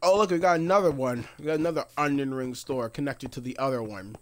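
A man's voice: mid-range voice, quick pace. A man streaming a video game live, talking casually as he plays, muttering to himself and laughing often. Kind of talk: casual live gameplay commentary.

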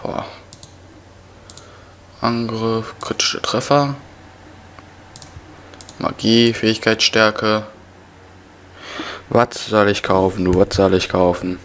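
Coughing and congested, a young man comments on his game in slang, half muttering to himself while seated at a computer indoors. His lowish voice barely moves in pitch, is a bit bright, and comes slowly with frequent pauses. The home recording is noisy, with typing audible.

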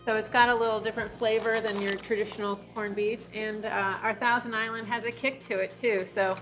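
A woman's voice: on the high side, little pitch movement, brisk, low-quality recording. Chatty woman owner with faint music. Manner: friendly, chatty, laughs easily. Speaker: restaurant owner. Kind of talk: casual interview. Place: brick-walled restaurant booth, indoors. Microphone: lapel mic.

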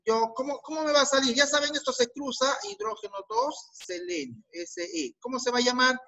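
A man's voice: very high-pitched, lively intonation, moderate pace, vocal fry, pushed and bright, poor audio. A man teaching a chemistry class with a Peruvian Spanish accent, asking students questions and repeating their answers. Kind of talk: online class lesson.

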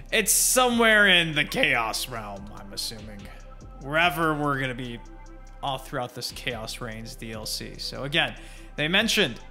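A man hosting a gaming channel talks straight to viewers in informal, rambling commentary on a gameplay trailer, with music in the background. His voice is a little high, bright and forceful.

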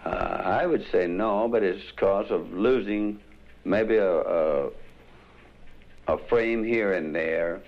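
A man's voice: on the low side, slow pace, dull audio. A man giving brief, hesitant, plain answers as an eyewitness in an interview, on a 1960s vinyl record.

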